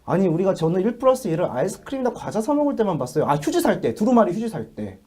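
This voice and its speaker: Young woman panelist with a warm, mellow voice. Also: mid-range voice, very animated, slightly rough. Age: young adult. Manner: chatty, playful, quick reactions. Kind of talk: political talk show.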